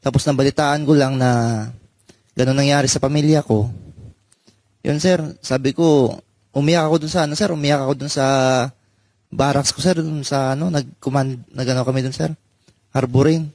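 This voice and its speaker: A man, a former soldier, speaking haltingly and pausing often to say "sir". His voice sits at an ordinary pitch and sounds dry and close, with no room around it. He tells his story piece by piece with many restarts. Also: fairly even intonation, darkish tone, no room sound. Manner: halting, addresses listener as sir constantly. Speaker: former soldier giving testimony. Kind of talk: emotional personal account.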